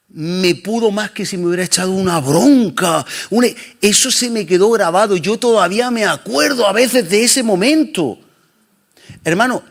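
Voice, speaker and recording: A man preaching a sermon as pastor, swinging between loud and soft passages. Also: high voice.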